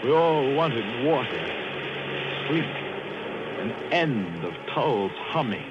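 An actor in a 1940s-style radio drama plays a ruthless, starving castaway turned murderer, acting as both narrator and lead as he tells his own story. His medium-pitched, hard-edged voice moves slowly with big pitch swings in a brooding first-person narration. The hissy old broadcast recording has its highs cut off.

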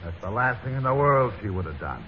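A brisk, hard-boiled police sergeant acted by a man in an old radio drama. His mid-pitched voice moves a lot, over a dull, faintly noisy recording. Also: very animated, lightly acted. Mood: needling.

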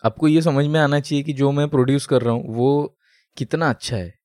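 A man's voice: medium pitch, a little fast, darkish tone, no room sound, studio quality. A man co-hosting a casual podcast, explaining at length with many fillers and English phrases mixed in. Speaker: podcast co-host. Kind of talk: casual chat.

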